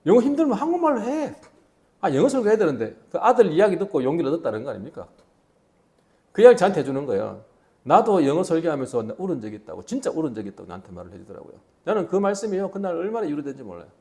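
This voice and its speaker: A middle-aged man preaching in a church, carrying his sermon with animated storytelling and a stream of rhetorical questions. His voice sits a touch high for a man and swings widely in pitch. A gravelly, creaky texture runs through his speech. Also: very fast. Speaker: pastor. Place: church sanctuary.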